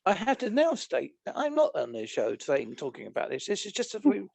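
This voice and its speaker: British man, guest on a podcast, high-pitched, dry close sound, jokey and sarcastic. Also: huge pitch swings, brisk, gravelly, darkish tone, no echo. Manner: joking, chatty, sarcastic. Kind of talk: casual chat.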